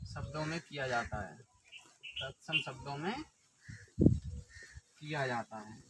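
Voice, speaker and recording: A man's voice: medium pitch, slow, very noisy. A man teaching an exam-prep lesson, explaining step by step and often putting questions to the viewers.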